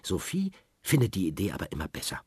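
A man reading a children's story aloud in a lively, expressive way. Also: sits low, quick pace, breathy edge, no room sound, clean studio sound.

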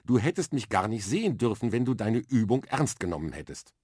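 A man's voice: fairly low pitch, sing-song, fairly quick, a little mellow, slightly rough, dry recording, clean studio sound, pitched above the performer's own voice. A man voicing an earnest, shy young boy in a children's radio story, a little defensive.

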